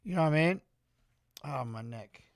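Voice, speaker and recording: A middle-aged man hosting a live fight watch-along, chatty and excitable, talking to the viewers as he calls the action. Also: a little high, moderate pace, gravelly. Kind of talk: casual live fight commentary.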